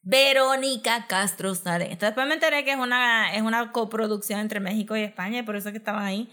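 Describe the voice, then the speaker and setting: A woman's voice: on the high side, fairly even intonation, very fast, pushed and bright. A woman recapping a film in casual chat, mixing in English words, with lots of fillers and laughs.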